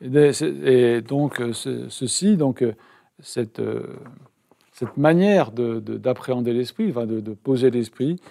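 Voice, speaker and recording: A man's voice: mid-range voice, unhurried, gravelly, dark tone. A man interpreting a meditation teaching live, hesitant, with many fillers and self-corrections.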